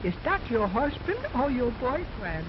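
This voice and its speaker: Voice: medium pitch, sing-song, a little slow. A performer voicing a cheeky, boastful wooden boy dummy in an old ventriloquist stage act, wisecracking in broken English. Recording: muffled old film soundtrack, loud noise.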